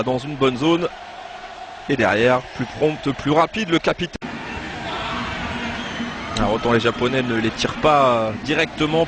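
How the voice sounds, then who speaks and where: High-pitched male football commentator over match noise. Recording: noisy live match broadcast.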